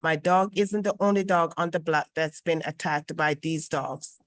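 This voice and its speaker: A woman's voice: sits low, normal speed. A woman chairing a city hearing over an online group voice call, speaking formally with frequent ums and small restarts. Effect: voice heard over an online group voice call. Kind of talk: formal meeting chairing and reading into the record.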